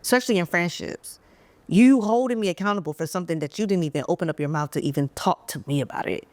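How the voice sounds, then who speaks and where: Animated woman podcast co-host, dry sound. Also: fairly low pitch, quick pace, dry recording. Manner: animated, acts out little quoted exchanges, laughs often. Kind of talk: casual chat.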